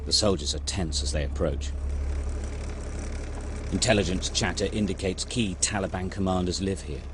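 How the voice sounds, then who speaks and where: A deep male voice narrates a war documentary in terse, dramatic sentences. Loud vehicle and battlefield noise runs behind him. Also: normal speed.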